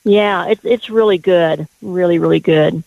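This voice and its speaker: A woman calling in to a radio show over a phone line, chatting casually with the host in a gravelly voice. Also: fairly low pitch, unhurried, no room sound. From Denver area. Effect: phone line call-in audio. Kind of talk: casual chat.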